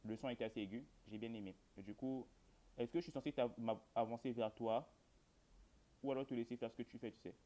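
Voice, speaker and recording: There's background noise as a man speaks fast in a medium-pitched voice with fairly even intonation. He's a gamer hosting a video, chatting loosely to viewers over a horror game with colloquial language and dry wit.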